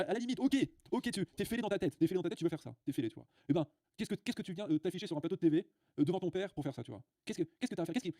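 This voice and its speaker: A man's voice: on the high side, vocal fry, mellow, no echo, clean studio sound. A man hosting a livestream, ranting bluntly to his viewers with many filler sounds and restarts. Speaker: livestream host. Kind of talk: casual livestream rant.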